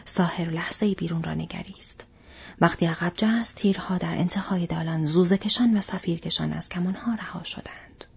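A woman narrating a fantasy story as an audiobook in whispered role-play, with a steady, breathy whisper. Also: lowish voice, lo-fi sound.

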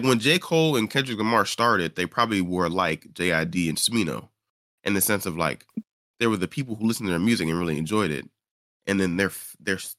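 A man's voice: sits low, bright, forceful tone, dry recording, clean studio sound. A tired young man hosting a casual podcast chat, rambling and correcting himself as he goes. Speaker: podcast host.

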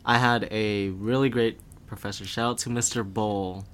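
Relaxed young man with a low voice. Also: moderate pace, clean tone. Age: young adult. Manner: relaxed, rambling, full of filler words. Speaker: guest. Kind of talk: casual podcast chat.

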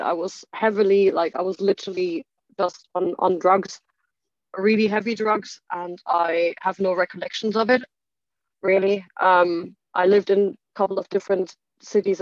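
In a dull, lo-fi, dry recording with no room sound, a woman from Germany recounts her life candidly. Her mid-range voice has fairly even intonation, and she speaks haltingly, full of "like" and restarts.

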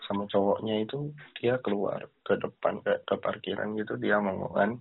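A man with a low, gravelly, husky voice calls in to tell a story, slipping into the voices of the people in it as he goes. He sounds tinny and thin, as if heard over a phone line. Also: steady tone, moderate pace. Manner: chatty, acts out the voices of people in his story. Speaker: caller telling a story.

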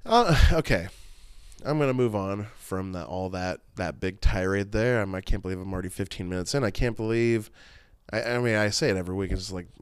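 A man's voice: on the low side, a little fast, clear, resonant tone, no echo, studio quality. A man in his late thirties hosting a solo podcast, rambling and swearing casually as he talks to his listeners. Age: 30s. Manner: rambling, profane, self-deprecating. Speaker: podcast host.

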